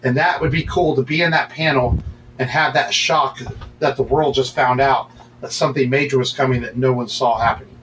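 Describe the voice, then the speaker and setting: A man co-hosts a laid-back podcast, talking in a loose, rambling way with plenty of fillers and false starts. His voice sits at an ordinary middle pitch. A faint hiss of noise runs underneath. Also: steady tone, fairly quick, fairly bright tone, low-quality recording. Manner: rambling, many fillers and restarts. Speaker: podcast co-host. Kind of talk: casual podcast chat.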